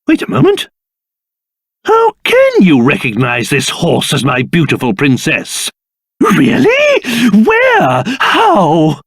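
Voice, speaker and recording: An actor playing a fussy, pompous old king in a video game, theatrical and quick to bluster or dote. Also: on the high side, wildly swooping pitch, a bit bright, dry recording, clean studio sound, full character voice. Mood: alarmed, flustered.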